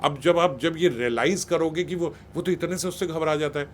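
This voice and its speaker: A man's voice: fairly high pitch, normal speed, a little hiss or hum. A man giving a spiritual talk on raising children, conversational and scolding, often acting out what parents and teachers say. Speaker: spiritual speaker.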